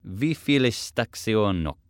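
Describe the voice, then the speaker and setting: A man's voice: fairly low pitch, expressive, measured pace, no echo, studio quality. A man practising a language lesson, carefully repeating each phrase after his tutor.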